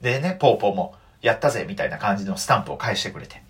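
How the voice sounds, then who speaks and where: A young man with a Kansai accent telling stories on his solo talk show, animated and mock-outraged in his asides. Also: on the low side, very fast. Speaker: comedian and podcast host.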